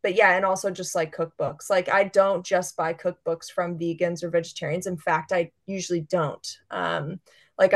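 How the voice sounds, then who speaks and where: A woman chef as a guest, chatting casually and enthusiastically, filling her talk with "like". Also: fairly low pitch. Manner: chatty, fillers of "like" throughout; enthusiastic, gushing. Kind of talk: casual interview chat.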